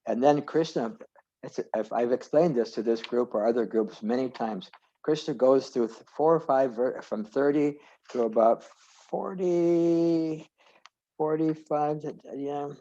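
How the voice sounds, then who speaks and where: A man's voice: mid-range voice, moderate pace, mellow. A man giving an informal scripture class over a video call, rambling and correcting himself as he goes. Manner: rambling, self-correcting, digressive. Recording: dull lo-fi video call audio.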